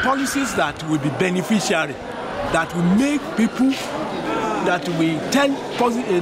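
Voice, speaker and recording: An older man in his sixties with a high-pitched voice talks earnestly outdoors by a school. He often restarts and repeats phrases as he gives his views. Loud crowd chatter fills the background of the recording. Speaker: educationist interviewed in a vox pop. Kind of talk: earnest street interview opinion. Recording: crowd noise loud behind.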